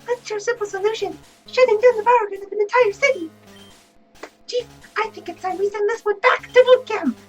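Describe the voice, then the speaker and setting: Fretful game plant worker played by a woman, extremely high squeaky voice, dramatic, distant mic with music. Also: brisk. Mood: exasperated.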